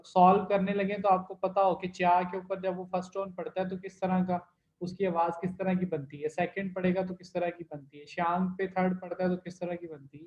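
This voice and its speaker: Patient male teacher on a dull line. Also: high voice. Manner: patient, repeats instructions. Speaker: Chinese language teacher. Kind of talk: explaining listening exercises in an online class. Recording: dull lo-fi online class audio.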